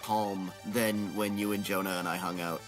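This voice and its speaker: An animated speaker in casual group chat, often repeating words while telling anecdotes. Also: low-pitched, normal speed. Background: faint background music.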